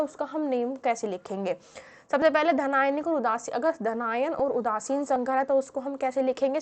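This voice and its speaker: High pitched lady teacher going thru chemistry naming, lots of um and "what do we call this". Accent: Hindi-English mix. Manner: explains step by step with many fillers and rhetorical questions. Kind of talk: classroom lecture.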